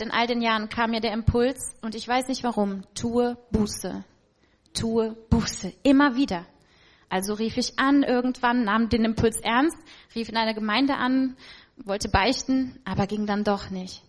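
A woman with children telling her personal faith testimony in an emotional, reflective way. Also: a little high. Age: adult with children. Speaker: testimony speaker.

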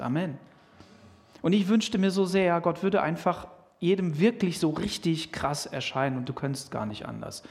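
A man with a German accent preaching a sermon, animated and emphatic, with restarts and fillers. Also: a little high.

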